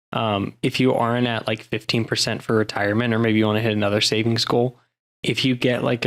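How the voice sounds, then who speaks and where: 男人，低沉气泡音，轻松给建议. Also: male voice, medium pitch, fairly bright tone. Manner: encouraging, advice-giving with fillers. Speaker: podcast co-host. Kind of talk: casual chat.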